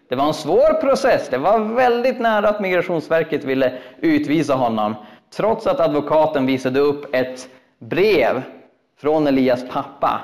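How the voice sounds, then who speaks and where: A man preaching a sermon, telling stories in an animated, expressive way with acted quotes. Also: fairly high pitch. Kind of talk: sermon storytelling.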